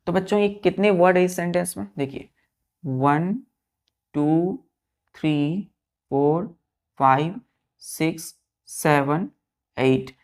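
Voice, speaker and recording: A woman's voice: low voice, slow, pauses often, a little mellow. A woman teaching exam vocabulary in a lesson, spelling each word letter by letter, repeating it for drilling and often checking whether students understand. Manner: keeps asking students if it is clear; addresses students as children, repeats words for drilling.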